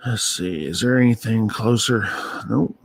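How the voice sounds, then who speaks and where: A man giving casual live weather radar commentary as an amateur streamer, thinking aloud in short, halting phrases. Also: on the low side, vocal fry, slightly rough, no room sound. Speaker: amateur storm-watching livestream host.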